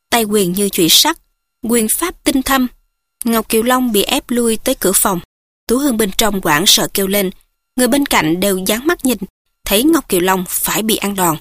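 A woman narrating a martial arts novel in a steady, measured reading. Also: mid-range voice, no room sound, studio quality.

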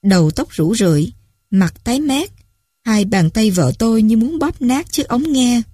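A woman narrating stories in a calm, measured reading voice. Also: a little high, breathy edge, dry recording, clean studio sound. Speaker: story reader. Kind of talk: storytelling narration.

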